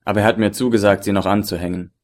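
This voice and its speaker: A man reading an audiobook voices a polite, eager male hotel manager in a lower voice. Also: steady tone, racing, lightly acted. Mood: courteous. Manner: courteous, eager.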